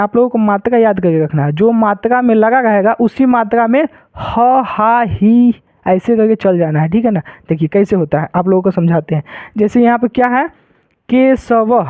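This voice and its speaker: A man's voice: high-pitched, dry recording. A man teaching a lesson, repeating points and often checking that students follow. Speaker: Sanskrit teacher. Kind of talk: classroom-style lesson explanation. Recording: dry, tinny phone-like sound.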